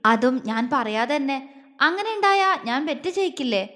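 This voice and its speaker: A playful young man who teases his sweetheart fondly, as a woman narrator plays him. The voice stays fairly high, and a long hall reverb trails after each line of this romantic audio story. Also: lively intonation, moderate pace, fairly bright tone. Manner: teasing, playful. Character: teasing affectionate young man, playful lover.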